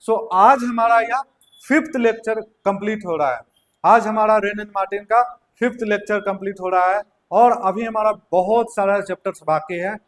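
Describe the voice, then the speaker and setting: High-voiced male teacher. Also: fairly even intonation, normal speed. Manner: repeats key points, checks in with "theek hai". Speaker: English teacher. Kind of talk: classroom lecture.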